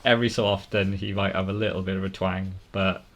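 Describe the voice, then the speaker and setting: A man's voice: low voice, little pitch movement, fast, a bit bright. A man from near Swansea with a South Welsh accent, chatting casually and joking dryly as a podcast panellist. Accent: South Welsh, Swansea area. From Wales, near Swansea. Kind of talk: casual chat.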